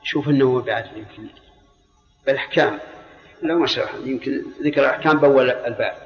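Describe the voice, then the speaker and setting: A man teaching a classical text in a study circle, brisk and quick to interject with questions and corrections. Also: medium pitch. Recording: roomy lo-fi recording with long reverb and faint music.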